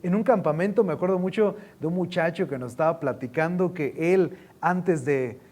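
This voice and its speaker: A male pastor preaching a sermon, swinging between loud emphasis and hushed, quiet lows. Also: moderate pace.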